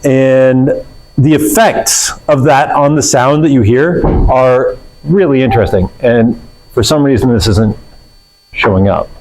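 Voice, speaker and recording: A physics instructor teaches a classroom lecture in a casual way, using fillers and correcting himself. His voice is medium-pitched and a little mellow, with a measured pace, and the audio is poor.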